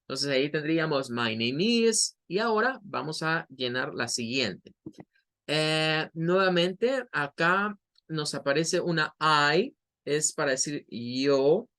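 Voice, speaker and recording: A man with a Latin American Spanish accent teaching a recorded online English lesson, patiently explaining and repeating words slowly for practice. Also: a little high, bright, forceful tone.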